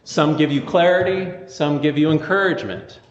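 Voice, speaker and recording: A man preaching a sermon as pastor, conversational and animated in his storytelling. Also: fairly high pitch, normal speed, echoey room, big-room sound, highs cut off.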